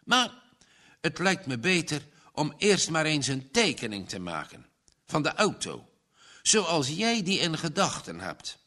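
A man voicing a calm older father who gives patient advice. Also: on the high side, measured pace, heavily acted. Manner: patient and advising.

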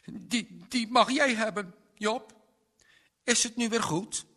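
A man voicing a remorseful, gentle little boy who pleads in a high, tearful voice. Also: very animated, takes it slowly, vocal fry, husky, full character voice. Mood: tearful pleading. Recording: long reverb.

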